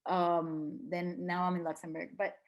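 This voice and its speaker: A woman's voice: on the low side, moderate pace. A woman from Venezuela, a music educator, speaking earnestly at a panel talk with frequent fillers. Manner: earnest, animated, many "you know" fillers.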